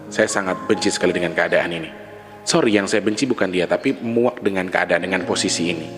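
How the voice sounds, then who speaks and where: A man's voice: low-pitched, quick pace. Confiding man over reverb and music. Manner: candid, repetitive, with frequent soft laughs. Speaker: vlogger. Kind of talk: confessional casual monologue. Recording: long reverb with background music.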